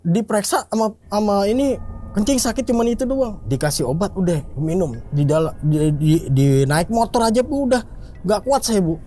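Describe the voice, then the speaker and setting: A man telling a story casually, his voice jumping high as he relives the pain. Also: animated, moderate pace, a little mellow, slight background noise. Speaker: interviewee telling a ghost story.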